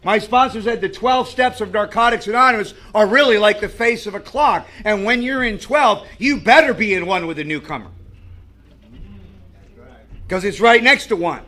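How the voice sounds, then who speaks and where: A man's voice: sits high, moderate pace, sharp tone. A man speaking at a recovery meeting, sharing his story in an earnest, conversational way. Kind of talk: personal recovery share with stories.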